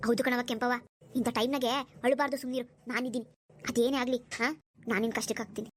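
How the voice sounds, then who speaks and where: A woman's voice: a little high, steady tone, quick pace, natural voice. A woman voicing an older village mother-in-law in a cartoon, who consoles her daughter-in-law in a firm, motherly way. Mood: consoling. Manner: scolding then consoling, motherly. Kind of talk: cartoon dubbing.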